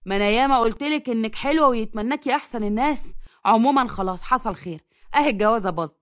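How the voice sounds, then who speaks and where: A woman's voice: on the high side, racing, no room sound, studio quality, lightly acted. A woman voicing a grumbling, resigned elderly father with an Egyptian accent.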